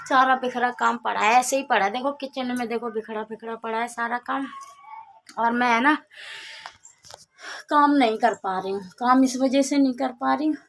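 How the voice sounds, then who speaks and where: A woman's voice: a little high, a bit bright, slight background noise, rough recording. A young woman chatting in a casual home vlog, feeling unwell and complaining in a rambling, repetitive way. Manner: chatty, complaining, repeats herself a lot. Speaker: vlogger. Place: at home indoors.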